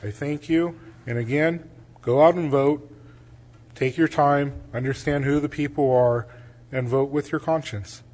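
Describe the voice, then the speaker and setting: A man's voice: fairly high pitch, steady tone, a little slow, darkish tone. A man giving a closing statement as a school board candidate, earnest and listing his qualifications in short phrases.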